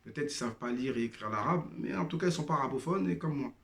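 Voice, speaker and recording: A former member shares his testimony in a monologue, calling his listeners brothers and sisters and speaking hesitantly with many fillers and restarts. His mid-range voice is animated, fast, creaky and a bit bright, and the room is reverberant. He is not a native Arabic speaker.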